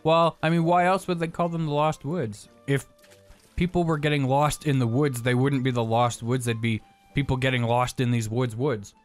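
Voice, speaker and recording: A man's voice: mid-range voice, fairly even intonation, moderate pace, faint music behind. A young man co-hosting a let's play, chatting casually and rambling, swearing freely and joking as he plays. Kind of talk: casual gameplay chat.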